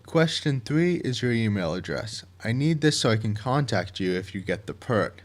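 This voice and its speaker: A man with a fairly low, sing-song voice delivers scripted instructional narration. Like someone directing a project, he walks through each step methodically in measured, plain wording.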